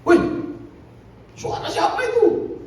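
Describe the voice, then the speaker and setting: A preacher voicing a panicked drunk man clinging over a cliff, shouting shrilly and indignantly. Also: slow pace, a little hiss or hum, close to an everyday voice. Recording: echoey, distant mic.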